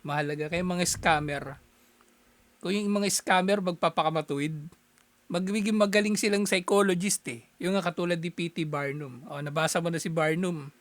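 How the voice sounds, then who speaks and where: A man from the Philippines giving a casual, animated talk, chuckling often and acting out little exchanges as he explains. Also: on the high side, moderate pace, no echo.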